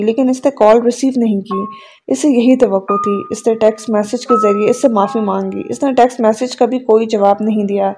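A woman reading a novel aloud in a measured, dramatic storytelling way. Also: fairly high pitch. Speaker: novel reader. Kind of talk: scripted narration. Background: soft background music.

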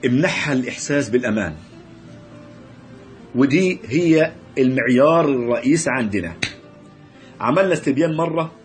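A man with an Egyptian Arabic accent giving a lively religious lecture on marriage to a class, often repeating and restarting words. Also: mid-range voice, fairly quick, pauses often, faint music behind.

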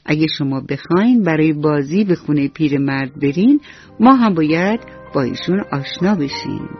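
A woman voicing a caring mother who speaks in a lively, decisive way. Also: low voice, slightly rough, faint music behind, exaggerated voice. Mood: cheerful. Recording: dull lo-fi radio recording.

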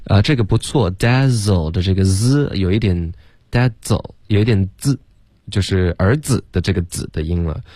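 A deep-voiced man coaching English pronunciation. He corrects students one by one and models each sound slowly. The sound is dry and close. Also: mellow, no room sound. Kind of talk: pronunciation coaching in a broadcast class.

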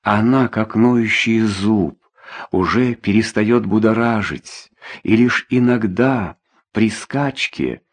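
A man reading a novella aloud as an audiobook narrator, in a measured, expressive way. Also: fairly low pitch. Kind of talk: scripted narration.

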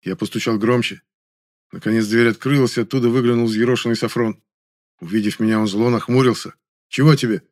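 A man calmly narrating an audiobook in the first person, in a measured way. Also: medium pitch, no echo, clean studio sound.

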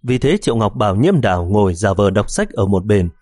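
A man reads a story aloud in a low, steady voice, measured and even. The recording is close and dry with no room sound. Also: no room sound. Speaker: narrator. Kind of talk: audiobook storytelling narration.

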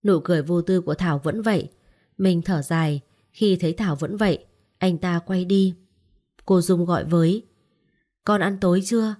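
Low-voiced woman narrating a story. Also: moderate pace, dark tone. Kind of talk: scripted audiobook narration.

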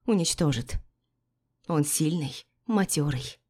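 Brief: woman, dramatic audiobook narrator, low pitch, mellow dark tone. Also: lively intonation, slow, slightly rough. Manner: dramatic, emotional reading. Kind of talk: first-person romance novel narration.

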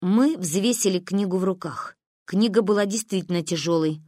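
A woman narrating a humorous story in a lively, expressive reading. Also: medium pitch, moderate pace, no echo, studio quality.

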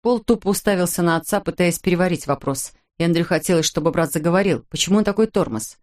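A woman reading an audiobook in a measured, dramatic narration. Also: fairly low pitch, darkish tone. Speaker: audiobook reader. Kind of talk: scripted narration.

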